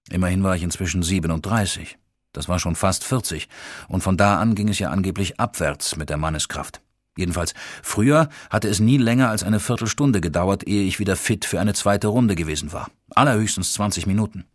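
A man narrating a first-person audiobook in a measured, dry storytelling manner. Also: low voice, no echo.

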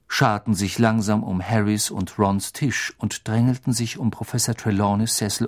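A man narrating a fantasy novel as an audiobook in a calm, measured way. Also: on the low side. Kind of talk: scripted narration.

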